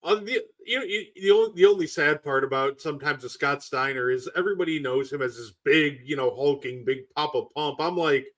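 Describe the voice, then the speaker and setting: A man's voice: on the high side, fairly quick, hardly any pauses, fairly bright tone. A man co-hosting a podcast in casual chat, enthusiastic and full of "like"s. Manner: enthusiastic, filler-heavy with many "like"s. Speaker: podcast co-host. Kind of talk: casual chat about wrestling.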